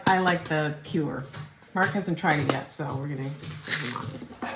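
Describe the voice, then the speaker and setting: A woman's voice: sits low, unhurried, loud music behind the voice. A woman hosting a food taste-test vlog, chatty and explaining each dish as she goes. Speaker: vlog host. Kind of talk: casual taste-test chat.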